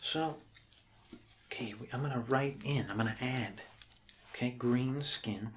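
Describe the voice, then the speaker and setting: A man performs an improvised, soft-spoken ASMR roleplay as an awkward, unconventional but reassuring doctor welcoming an alien, rambling hesitantly and apologetically. His mid-range voice moves a little slowly, with clear background noise.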